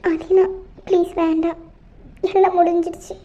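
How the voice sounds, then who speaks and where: A woman's voice: very high voice, flat delivery, normal speed, mellow. A woman voicing a heartbroken young woman who pleads through tears, in a hobby drama. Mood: tearful. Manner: tearful, pleading. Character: heartbroken young woman, tearful and guilt-ridden. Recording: muffled lo-fi recording.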